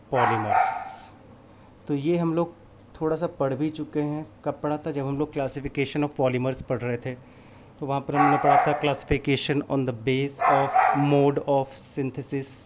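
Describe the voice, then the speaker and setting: A man's voice: medium pitch, flat delivery, unhurried, heavy background noise. Man teaching chemistry, quizzing himself. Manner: explains step by step, asks and answers own questions, mixes in English terms. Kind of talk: classroom lecture.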